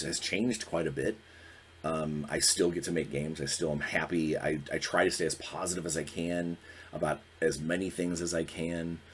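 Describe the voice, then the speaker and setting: A man in his forties hosts a podcast solo, his voice very low and deep. He talks candidly and earnestly, reflecting aloud in a halting way with pauses and restarts, while a faint hum of noise sits behind him.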